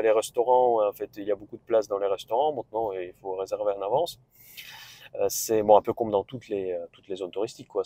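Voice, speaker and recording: A man from Russia with a Russian accent speaks in a lowish, dark-toned voice with no room sound. He's a vlogger rambling casually on a road trip, full of hesitations and restarts, in typical travel vlog chatter.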